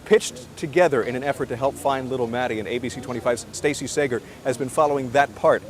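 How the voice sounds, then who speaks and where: Reporting breaking news live from a residential neighborhood, an American anchor talks fast in a mid-range voice into a handheld broadcast microphone. The outdoor TV sound carries some noise.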